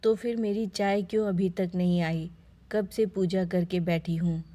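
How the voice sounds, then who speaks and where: A woman doing a grumbling old mother-in-law who scolds and complains at every turn. The storytelling voice stays low, slow and mellow. It is a sharp-tongued elder in a spoken family tale. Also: fairly even intonation, close to an everyday voice. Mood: scolding.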